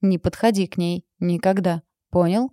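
A woman reading the part of a calm, menacing young male alpha wolf who speaks slowly and coldly. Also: fairly low pitch, dry recording, studio quality, close to an everyday voice. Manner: slow, cold, commanding.

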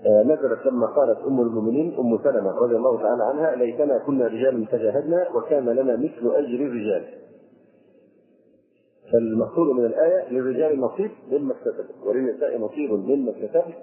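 Male religious teacher, quick delivery, narrow lo-fi recording. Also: mid-range voice. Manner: explains verses line by line with fillers. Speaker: Islamic scholar. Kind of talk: religious lesson on scripture. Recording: tinny phone-like lo-fi recording.

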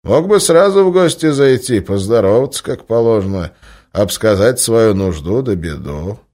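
A man voicing an old, sickly male crime boss, sly and cruel, with a creaky voice and slow, weighty speech. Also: lowish voice, animated, darkish tone. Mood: commanding. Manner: slow, drawn-out authority.

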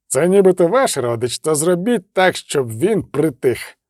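Man reading a curt storybook captain, dark dry tone, short barked orders. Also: a little high, big pitch swings, measured pace, no room sound. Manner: clipped, irritable orders. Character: curt commanding male knight-mercenary leader.

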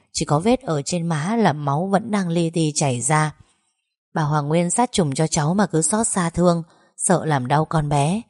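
A woman reading a story aloud, gentle and emotive. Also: sits low, no echo, studio quality. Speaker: narrator. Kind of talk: audiobook story narration.

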